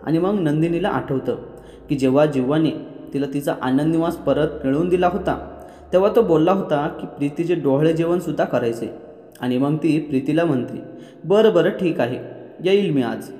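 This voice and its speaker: A man's voice: moderate pace, warm tone. A man with a Marathi accent recapping a TV serial episode, narrating the scenes and acting out the characters' dialogue in raised voices. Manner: switches between narration and quoted character lines, raising pitch for women's parts. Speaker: episode review host. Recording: echoey room with long reverb.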